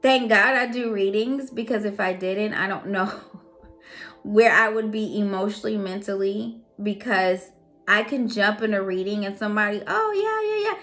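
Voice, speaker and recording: A woman's voice: medium pitch, fairly even intonation, normal speed, a bit bright, soft background music. A woman who does readings, talking earnestly and casually to her audience, repeating phrases for emphasis. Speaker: psychic reader and host. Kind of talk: casual motivational talk.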